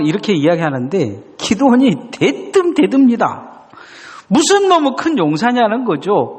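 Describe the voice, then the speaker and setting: A man's voice: high-pitched, husky, big-room sound. A male pastor preaching a sermon, dramatically acting out the questions God and the prophets ask. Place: church sanctuary.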